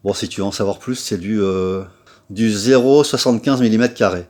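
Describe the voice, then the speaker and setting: A man's voice: lowish voice, moderate pace, a little mellow. A man from France giving a casual how-to tutorial, chatty, blunt and slangy, talking straight to the viewer with lots of filler tags. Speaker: scooter repair vlogger.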